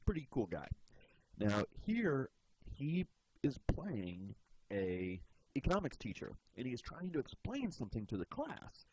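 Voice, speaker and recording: A man's voice: medium pitch, huge pitch swings, a little slow, background noise. A man teaching presentation skills in a video lecture, explaining expressively with demonstrations. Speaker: presentation instructor.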